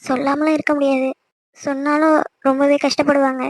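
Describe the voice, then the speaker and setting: A woman's voice: high-pitched, little pitch movement, fairly quick. A woman voicing an anxious young wife. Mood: worried. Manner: worried, questioning, earnest. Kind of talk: voice acting for an amateur animated serial.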